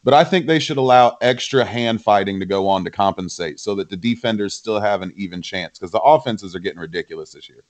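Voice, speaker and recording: A man trades blunt, joking opinions on the game in a somewhat low voice. His delivery is casual and opinionated, like friends watching together. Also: fast talker, hardly any pauses. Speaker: co-commentator and fan. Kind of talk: casual sports banter.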